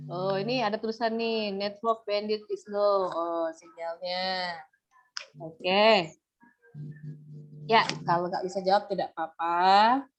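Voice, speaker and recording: A woman lecturer leading an online class discussion over a video call, patient and chatty with gentle teasing. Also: medium pitch, fairly even intonation, takes it slowly. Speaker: university lecturer. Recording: muffled video-call audio, faint noise.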